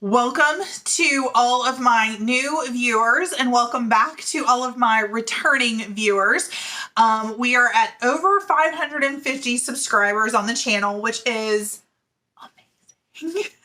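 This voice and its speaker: At a measured pace, a woman in her forties hosts a knitting video podcast, her voice fairly high with a sharp tone. The middle school teacher chats casually to camera, giggling often amid many fillers.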